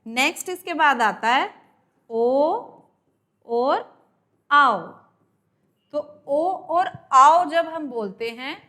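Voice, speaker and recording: A woman's voice: high-pitched, lively intonation, a little slow, few pauses, pushed and bright. A woman teaching an exam-prep grammar lesson, explaining step by step and stretching out sounds to demonstrate them. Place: coaching class.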